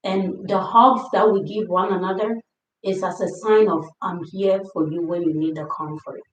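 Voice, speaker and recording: A woman hosting a family livestream, reading viewer comments aloud and laughing often in a warm, affectionate way. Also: on the low side, fairly even intonation, normal speed, a little hiss or hum. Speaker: livestream host. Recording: roomy, distant, dull sound.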